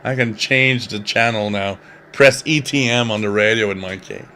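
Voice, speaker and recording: A man in his fifties hosts a live shortwave radio stream, reading viewer comments in a rambling, jokey, casual chat. His voice sits on the low side, bright and forceful, at a normal speed. There's slight background noise.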